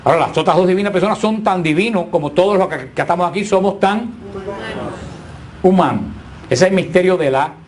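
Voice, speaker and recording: A man's voice: sits high, fairly quick, a little mellow, slight background noise. Man lecturing a Bible class. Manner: asks the class questions, repeats himself. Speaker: Bible teacher.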